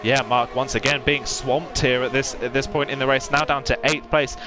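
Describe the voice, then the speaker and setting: A man's voice: mid-range voice, steady tone, moderate pace, noisy background. A man giving fluent, detailed live play-by-play commentary as an esports sim racing commentator.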